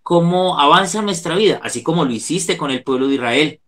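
A middle-aged man with a Colombian accent, a psychologist, gives a devotional talk over a video call from an indoor room, speaking earnestly like a preacher. His voice is on the high side, animated and a bit bright, with a fairly quick pace, picked up by a video call microphone.

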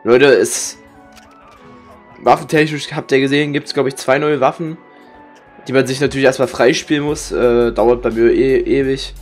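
A young man rambles casually as he plays a game for viewers. His voice sits at an average male pitch. He talks in slang, grumbles and swears freely, with music playing underneath. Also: steady tone, normal speed. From Germany. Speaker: gaming streamer. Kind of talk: casual rambling gameplay commentary. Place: indoor room with webcam.

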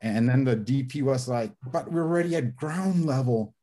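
A man with a dark-toned, medium-pitched voice speaks at normal speed while rambling through a casual video-call interview. He's a screenwriter guest whose first language is Spanish, gesturing and peppering his talk with fillers and restarts, from a home study with bookshelves via webcam mic.

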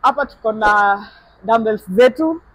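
A young Kenyan-accented woman on a gym's staff leads visitors around a large indoor gym, pointing out equipment in a friendly, matter-of-fact way. Her voice is on the high side and animated, at a normal speed, and she mixes Swahili and English. A lapel mic picks her up.

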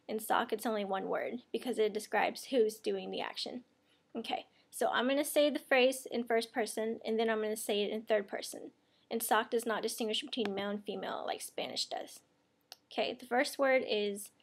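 A woman teaching a language lesson, saying each word slowly and deliberately, every word twice. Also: a little high, creaky, breathy edge.

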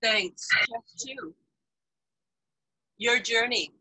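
A woman in her sixties moderating a panel over a video call from home, asking lively, probing questions. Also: a little high, drawn-out words, slightly rough, no echo, rough recording. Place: home room, indoors. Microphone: webcam on video call.

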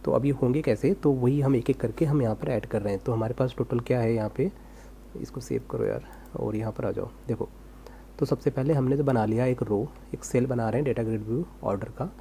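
Male coding tutor, relaxed mellow delivery, rhetorical self-questions as he types, light hum in the recording. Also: mid-range voice, brisk. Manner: casual, rhetorical self-questions, talks while typing. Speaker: programming tutor.

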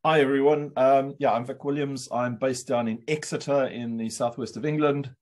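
A man's voice: mid-range voice, fairly even intonation, normal speed, darkish tone. A friendly, plain-spoken man with a South African accent, a business consultant introducing himself on a group video call.

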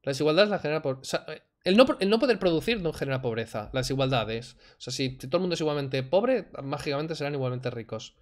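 Fast-talking and barely pausing, a reaction streamer with a fairly high voice mocks a video clip from his desk in a room at home. His casual commentary is sarcastic and animated, captured on a desk mic as he wears headphones.

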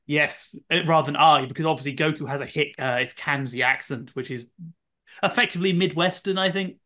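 A man's voice: fairly high pitch, a little fast, sharp tone. A man from outside the United States co-hosting an anime rewatch show, wry and joking. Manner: wry, joking, laughs between lines. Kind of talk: casual reaction chat.

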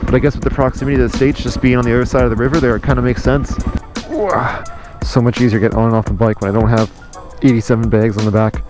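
A man's voice: medium pitch, little pitch movement, very fast, music in the background. A young man, narrating his motorcycle trip in a casual, joking, storytelling way. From Canada. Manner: chatty, storytelling, joking asides. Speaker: motorcycle travel vlogger. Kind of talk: casual travel vlog narration.

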